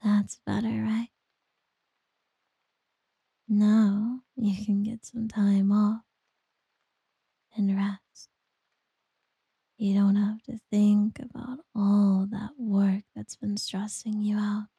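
A woman doing a whispered ASMR girlfriend roleplay, soft, teasing and doting. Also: mid-range voice, little pitch movement, drawn-out words, creaky, pauses often, breathy edge, no room sound.

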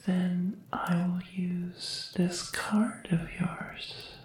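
A woman's voice: lowish voice, little pitch movement, extremely slow, darkish tone, heavy reverb, far from the mic. A woman voicing a devoted, formal female servant from another world, whispering hesitantly and deferentially in an ASMR roleplay.

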